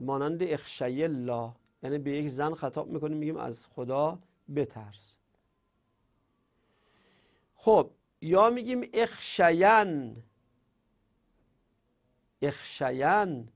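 Male grammar teacher, slightly raised pitch, patient explanatory lecture with slow repeated examples. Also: a little mellow. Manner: explanatory, repeats forms slowly and asks rhetorical questions. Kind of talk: classroom lecture.

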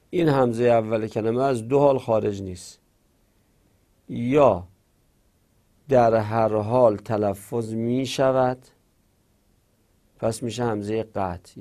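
A man with a low, gravelly voice teaches a grammar lesson. His tone is dark and mellow, and he goes over each example word slowly and patiently.

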